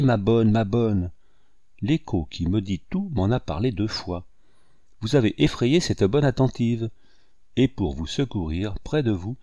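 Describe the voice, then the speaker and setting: A man giving a tender, expressive reading of a poem for an audiobook, measured, with dramatic swells. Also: lowish voice, dry recording. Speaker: audiobook reader.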